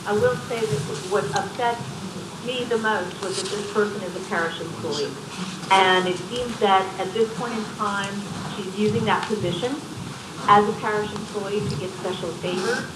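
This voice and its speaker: A woman's voice: mid-range voice, moderate pace. Phone-in caller, woman, heard over speakerphone in a noisy, echoey room; earnest, formal objection. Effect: heard over a phone on speakerphone, played through the meeting room. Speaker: phone-in caller at a public meeting. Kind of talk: formal public comment. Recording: echoey phone-speaker call with loud background noise.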